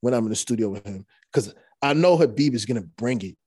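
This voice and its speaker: He's a young rapper telling laid-back stories as an interview guest, wandering off track with many fillers and restarts. His medium-pitched voice is quick and slightly rough, recorded with no room sound.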